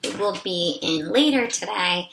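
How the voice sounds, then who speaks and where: A woman's voice: on the low side, expressive, measured pace, gravelly, reverberant, heavy background noise. A woman teacher giving a recorded lesson to her class in a chatty, informal way with many fillers.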